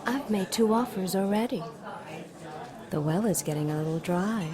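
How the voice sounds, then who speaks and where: A woman voices a seductive, imperious demon queen in an audio drama, playing her coy, mocking and theatrical, with a teasing, coy mood. Her medium-pitched voice is mellow and close to everyday speech at a moderate pace, and crowd chatter can be heard behind her.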